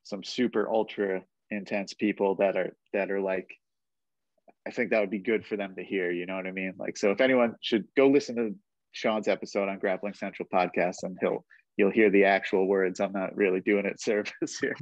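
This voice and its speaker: A man's voice: deep voice, normal speed, dry recording, dull audio. A man hosting a podcast and chatting casually, rambling and leaning heavily on "like" as he talks. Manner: rambling, heavy use of "like", relaxed. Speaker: podcast host. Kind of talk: casual interview chat.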